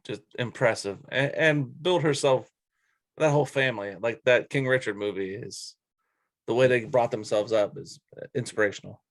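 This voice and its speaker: On a laid-back sports podcast, a male co-host talks through a countdown list and doesn't hold back his opinions. His voice is mid-range and his pace normal, recorded dry.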